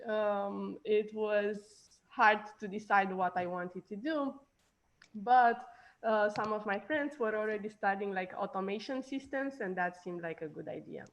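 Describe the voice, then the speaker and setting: A woman from Romania talks through her answers as an interview guest, pausing often on "um" and "like". Her voice sits at a middle pitch. The recording sounds dull and lo-fi. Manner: hesitant, many fillers and "like". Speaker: robotics professor, guest.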